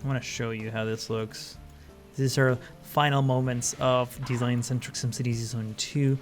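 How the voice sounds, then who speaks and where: A man narrates his city-building game in a relaxed, rambling way, full of fillers and corrections. His voice sits at an ordinary middle pitch. Soft background music plays faintly behind him. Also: normal speed. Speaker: gaming channel host. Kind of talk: casual gameplay commentary.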